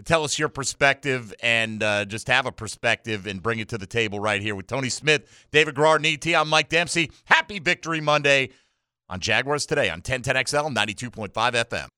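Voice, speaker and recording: A man's voice: medium pitch, expressive, fairly quick, pushed and bright, smooth, no room sound, clean studio sound. An American man hosting a sports call-in radio show, exuberant and emphatic in an informal way. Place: radio studio. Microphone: close studio microphone.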